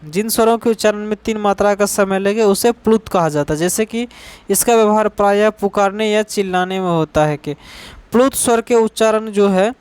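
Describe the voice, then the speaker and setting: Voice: mid-range voice, a little mellow, clean tone. A teacher walks through a grammar lesson aimed at exams, saying each definition twice and asking rhetorical questions before answering them. The voice is clean and resonant. It sits close and dry in the recording, with no room echo. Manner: spells out letters and examples slowly. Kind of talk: exam-focused grammar lesson.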